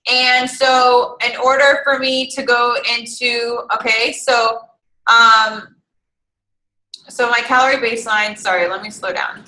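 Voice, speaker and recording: Young female fitness coach, high bright voice, casual encouraging talk, roomy echo. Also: steady tone, a little slow. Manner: chatty, encouraging, thinking aloud through calculations. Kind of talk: casual online group coaching.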